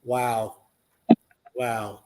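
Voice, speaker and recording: A man's voice: medium pitch, flat delivery, drawn-out words. Earnest man, a show guest. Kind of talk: casual chat on a live online show.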